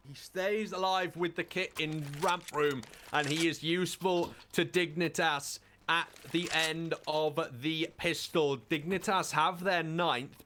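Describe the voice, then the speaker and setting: A man's voice: a little high, fairly bright tone, a little hiss or hum. A man working as an esports caster, giving fluent analytical match commentary in long explanatory sentences.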